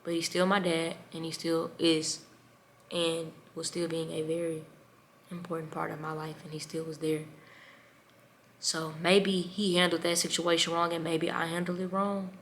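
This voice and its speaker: A young woman vlogger telling a personal story in an emotional, animated way. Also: low voice, moderate pace, a little hiss or hum. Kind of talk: storytime vlog.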